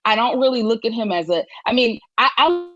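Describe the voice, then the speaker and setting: A woman's voice: fairly high pitch, fairly quick, fairly bright tone, no echo, lo-fi sound. Opinionated woman podcast co-host. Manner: opinionated, emphatic, with frequent restarts. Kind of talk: casual chat.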